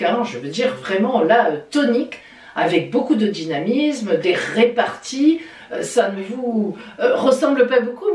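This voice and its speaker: A woman astrologer giving a weekly horoscope in a lively, chatty way, with playful exclamations. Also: mid-range voice. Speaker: astrologer and psychic. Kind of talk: weekly horoscope video talk. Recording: echoey room, voice a bit distant from the mic.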